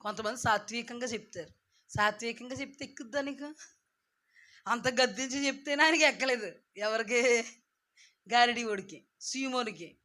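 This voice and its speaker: A woman preaching a sermon, firing rhetorical questions and swinging from soft asides to loud, drawn-out declaiming. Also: on the high side.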